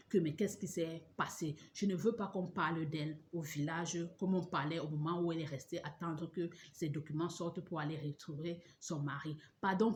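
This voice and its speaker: A woman's voice: on the low side, a little mellow, slight background noise. Woman telling her faith testimony. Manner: emotional storytelling, acting out voices. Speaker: testimony speaker. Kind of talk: personal religious testimony.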